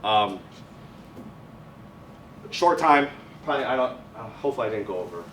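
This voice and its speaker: This man has a medium-pitched, slightly bright voice with lively intonation at a normal speed. As a high school biotech and science teacher visiting as a guest speaker, he presents informally with question and answer, often restarting and correcting himself. The college classroom or lab sounds echoey, captured by a distant mic with faint noise.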